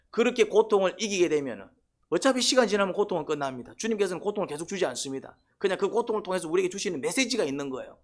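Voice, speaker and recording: A man preaching a sermon, constantly prompting the congregation with questions and short "eh?" calls. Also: sits high. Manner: quizzes the congregation, repeated "eh?" prompts. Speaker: pastor.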